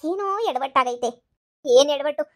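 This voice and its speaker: A woman's voice: sits high, moderate pace, a little mellow, natural voice. A woman voicing bossy village mother-in-law. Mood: confused. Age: older. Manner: bossy, scolding, repeats herself. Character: scolding older village mother-in-law, stubborn. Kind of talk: cartoon voice acting.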